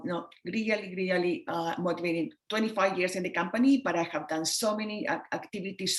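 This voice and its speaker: A woman in her fifties from Chile with a Chilean Spanish accent, a technology executive speaking in a measured way with many fillers on a video call. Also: on the low side. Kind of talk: panel talk on a video call. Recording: roomy echoey sound.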